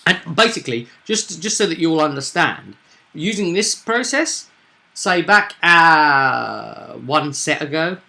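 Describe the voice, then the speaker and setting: Running a tabletop roleplaying game as its game master, a man speaks in a bright, forward voice on the high side, expressive and unhurried with some creak. His explanations stay casual and conversational, peppered with tag questions looking for agreement.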